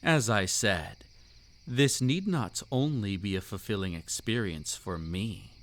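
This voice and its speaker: In an intimate, scripted roleplay audio drama, a man voices a seductive, commanding vampire count, ancient yet youthful-looking. His fairly low voice has lively intonation, and he speaks slowly, suavely and teasingly in a theatrically formal, possessive way. The mood is intimate and possessive.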